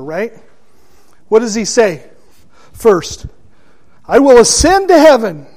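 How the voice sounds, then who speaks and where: A man teaching a Bible study class, deliberate and asking his listeners questions. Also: sits high, a little mellow.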